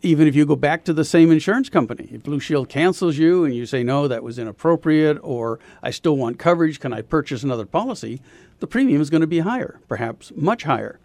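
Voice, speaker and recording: A man speaking as an insurance consultant guest on a radio talk show, explaining things in a measured way with pauses and fillers. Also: fairly high pitch, lively intonation, a little mellow, no echo. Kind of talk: radio interview answers.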